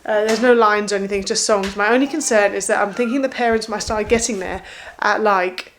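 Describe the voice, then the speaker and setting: Chatty mum vlogging. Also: female voice, mid-range voice, steady tone, brisk, slight background noise. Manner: rambling, chatty, fillers of "like". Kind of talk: casual vlog chat.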